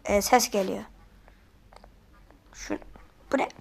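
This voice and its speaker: A woman giving excitable let's-play commentary, often pleading and exclaiming while she plays. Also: medium pitch, takes it slowly, vocal fry, slightly rough. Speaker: gamer.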